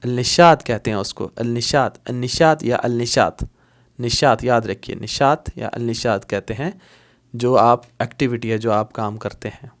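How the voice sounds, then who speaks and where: A man's voice: medium pitch, a little slow. A man teaching basic spoken Arabic in a casual lesson, repeating each word several times and mixing in English. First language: Urdu.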